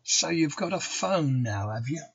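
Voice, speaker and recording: A man's voice: a little high, animated, unhurried, creaky, husky, muffled recording, heavily acted. Man reading as a snarling, smarmy schoolboy bully.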